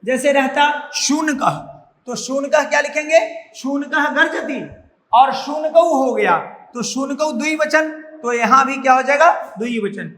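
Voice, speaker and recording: Brief: bright-toned male schoolteacher, drilling pupils on word forms, reverberant classroom sound. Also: very high voice, unhurried. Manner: repeats words and asks questions to students. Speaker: Sanskrit teacher. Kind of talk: classroom lesson explaining grammar. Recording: echoey room with long reverb, faint noise.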